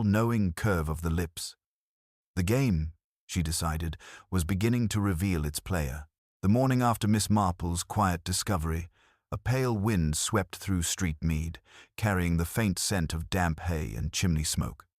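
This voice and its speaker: Deep, dry male audiobook narrator. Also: no room sound. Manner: calm, measured reading.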